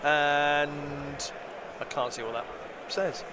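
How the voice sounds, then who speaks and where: A man's voice: fairly high pitch, fairly even intonation, slow pace, noisy background. A British man commentating a live tabletop game tournament in a chatty, rambling way that often corrects itself. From Britain. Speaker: stream commentator.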